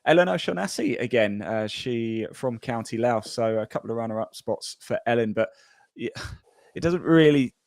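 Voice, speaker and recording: A man's voice: mid-range voice, lively intonation, normal speed, a little mellow, dry recording, clean studio sound. A man hosting a golf podcast, reading the news in a chatty, rambling way with plenty of fillers and restarts. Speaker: podcast host.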